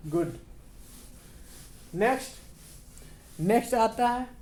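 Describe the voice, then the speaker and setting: A man teaching English in Hindi, explaining slowly and often checking that students understand. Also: high voice, animated, warm tone. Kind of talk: spoken English lesson in Hindi.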